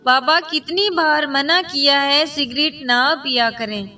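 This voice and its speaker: A woman doing a caring, scolding grown daughter. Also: high voice. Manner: gently scolding. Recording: distant mic with soft music.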